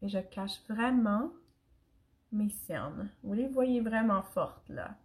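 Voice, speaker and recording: A young woman with an Acadian French accent talks viewers through a makeup tutorial in a casual, chatty way. She is sick, and her throat is irritated. Her voice sits at an ordinary middle pitch for a woman. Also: lively intonation, takes it slowly. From Canada. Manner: chatty, addresses viewers and live commenters. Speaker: makeup demonstrator.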